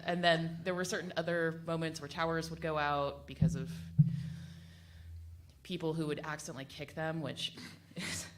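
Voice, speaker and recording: Her voice sits low with a flat delivery and moderate pace, and there's a little hiss or hum. She's a radio panelist at a live venue, chatting casually with rambling, self-corrections, and offhand remarks.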